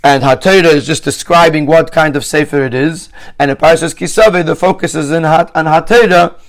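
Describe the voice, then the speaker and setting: A man with a somewhat high voice teaches a Rashi commentary lesson. He sets out his questions one by one in a methodical way. His phrases often stop and restart as he thinks them through. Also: fairly quick. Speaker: Torah teacher.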